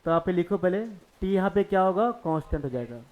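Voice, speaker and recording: A man with a high-pitched voice teaches physics to a class, his speech carrying an eastern Indian Hindi accent. He talks in a loose, conversational way, repeating the steps and pausing to ask whether everyone follows. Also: expressive, narrow, tinny audio. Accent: Hindi-speaking eastern India. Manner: conversational, keeps checking understanding with the class. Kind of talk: classroom lecture.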